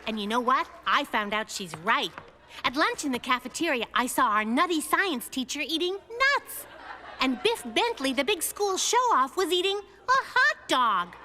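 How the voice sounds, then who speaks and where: Little Lulu, a sassy high-voiced girl. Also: very animated, normal speed, pushed and bright, exaggerated voice. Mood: wry storytelling. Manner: sassy, self-assured. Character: quick-witted, assertive little girl. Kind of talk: cartoon voice acting. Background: cartoon music.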